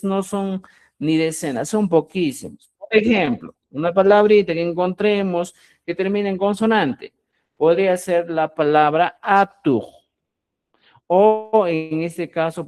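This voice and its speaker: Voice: mid-range voice, takes it slowly, a little mellow. A teacher giving a live online language lesson, who asks the class questions, answers them, and draws out key words for emphasis. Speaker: Quechua teacher.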